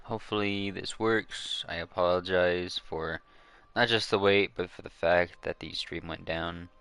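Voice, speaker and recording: A man's voice: low-pitched, fairly even intonation, a little slow, fairly bright tone, smooth. A man chatting casually to his viewers while waiting on a live stream, rambling with lots of fillers and restarts, hiccuping now and then.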